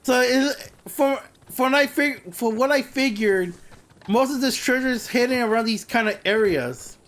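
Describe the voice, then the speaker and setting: Excitable man commentating a game. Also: very high voice, normal speed. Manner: excitable, chatty, swears. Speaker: gameplay commentator. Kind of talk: let's play commentary.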